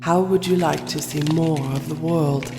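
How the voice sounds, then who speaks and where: A woman's voice: low-pitched, fairly even intonation, normal speed, noisy background. A woman playing a regal, coolly manipulative ice queen in an audio play, poised and grandly condescending. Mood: coaxing, commanding. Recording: long hall reverb, music underneath.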